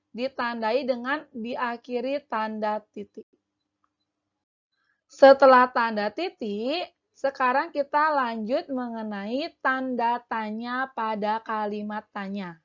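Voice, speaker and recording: A woman's voice: fairly high pitch, a bit bright, muffled recording. A woman teacher explaining a language lesson for young schoolchildren, carefully and step by step, often starting with "nah" and "jadi".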